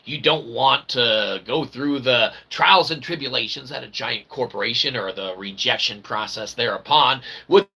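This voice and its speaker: Speaking at a moderate pace with few pauses, this channel host and independent developer has a medium-pitched, bright, forceful and slightly rough voice. He delivers a rambling, casual monologue in wordy mock-formal language, often tagging lines with "okay" and poking fun at himself.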